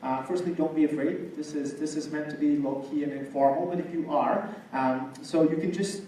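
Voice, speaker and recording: A man's voice: on the high side, fairly even intonation, moderate pace, warm tone. A man hosting a seminar in an informal way, repeating himself. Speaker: seminar host. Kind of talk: seminar talk. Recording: echoey room, far from mic, faint noise.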